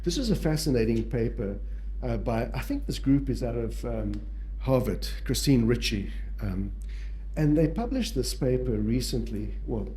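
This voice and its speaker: Lecturing on palliative care at a conference, this Portuguese-speaking man from South Africa has a South African accent and a mid-range, mellow, animated voice. He's measured, with frequent pauses, fillers and restarts, and slight background noise is audible.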